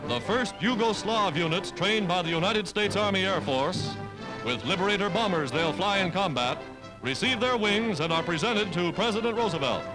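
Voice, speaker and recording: A man narrating an old 1940s wartime newsreel in a brisk, dramatic announcer manner. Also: high voice, animated, over music, poor audio.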